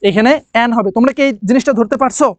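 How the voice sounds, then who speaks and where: Here a man with a very high voice coaches students online for English admission exams, questioning them and then answering himself while elongating the key terms. The recording is dry.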